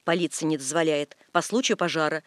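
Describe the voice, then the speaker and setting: A man's voice: fairly high pitch, a little fast, fairly bright tone, dry recording, studio quality, voice pushed down, close to an everyday voice. A man voicing a sly, folksy merchant's clerk, speaking in an offhand, knowing way.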